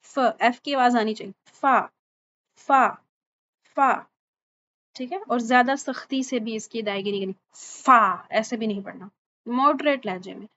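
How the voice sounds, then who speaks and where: A woman teaches tajweed, drawing out each letter and pausing to check that her students follow. The recording is a little dull and lo-fi, with faint room ambience behind her. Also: a little high, slight background noise. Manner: patient, repeats each sound slowly and checks with "thik hai?". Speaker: Quran recitation teacher. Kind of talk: online tajweed lesson.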